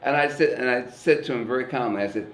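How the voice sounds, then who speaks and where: This man, a guest comedian from East St. Louis, Illinois, talks fast at a medium pitch. The conversation is casual and reflective, and he keeps it earnest and plain, cursing offhandedly and repeating words while he thinks. There's a roomy echo on the audio.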